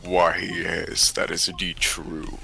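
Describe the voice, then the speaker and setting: A man talking through a voice changer that shifts his voice very deep, with a gravelly, mock-formal deadpan delivery during joking stream banter. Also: slow pace, heavily acted. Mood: mock-solemn. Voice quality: gravelly, deep and unnaturally low.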